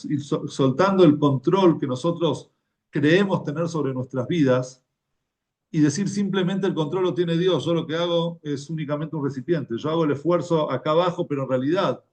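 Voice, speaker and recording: A man with an Argentine Spanish accent gives a Torah class in a relaxed, conversational way. His voice sits fairly high for a man, and he tells stories while often repeating his words. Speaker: religious teacher.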